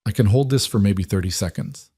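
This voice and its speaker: A man as a gentle exhausted giant. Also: fairly low pitch, fairly quick, slightly rough, no echo, clean studio sound. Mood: desperate. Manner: gentle, steady reassurance.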